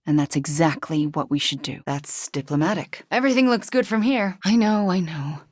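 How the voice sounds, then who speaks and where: A woman's voice: low-pitched, normal speed, a little mellow, dry recording. A woman voicing an earnest, guilt-ridden young witch heroine with a dry wit in a video game. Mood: determined. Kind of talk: scripted video game voice lines.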